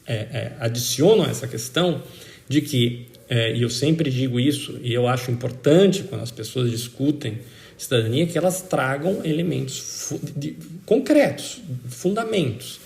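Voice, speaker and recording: A man with a Brazilian accent, interviewed as a citizenship expert, explains the law emphatically and didactically, repeating key points for stress. His voice is medium-pitched, gravelly and somewhat dark, at a moderate pace. The recording sounds roomy and echoing.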